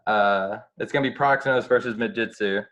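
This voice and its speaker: A man running a tabletop game as game master, relaxed and halting with fillers. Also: lowish voice.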